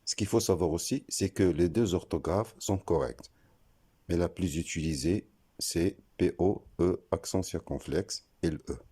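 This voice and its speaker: A man giving a scripted lesson on French pronunciation, slowly spelling out words letter by letter. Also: deep voice, dark tone, slightly rough. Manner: slow, deliberate, spells out letters.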